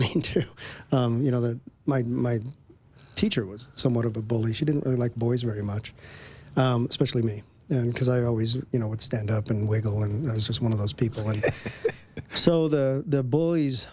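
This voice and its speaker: A man telling a personal story in an interview, relaxed, with frequent ums and little chuckles between phrases. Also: mid-range voice, moderate pace. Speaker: guest.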